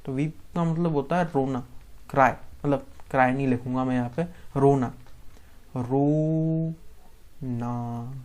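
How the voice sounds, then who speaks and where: A man's voice: medium pitch, steady tone, moderate pace, a little mellow. A man teaching a class, mixing English into his explanation and acting out lines from a play. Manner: mixes English into his talk, acts out lines.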